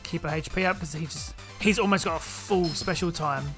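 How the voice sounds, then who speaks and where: A man's voice: a little high, fairly quick. Brash male let's-play host, profane trash talk, slightly raised voice, game music under him. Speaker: gaming video host. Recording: game music playing behind voice. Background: video game music and sounds.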